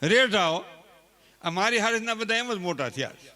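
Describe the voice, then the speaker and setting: A man's voice: sits high, animated, normal speed, sharp tone. A man telling humorous folk stories to a live audience in a chatty, teasing way. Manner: chatty, teasing and full of homely sayings. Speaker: folk speaker.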